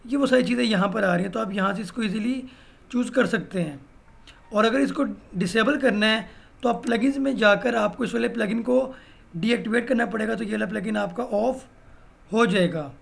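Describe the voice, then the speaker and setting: A man's voice: high-pitched, vocal fry. A man teaching a step-by-step screen-recorded web design lesson, often adding "भाई" as he explains. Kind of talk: screen-recorded software tutorial.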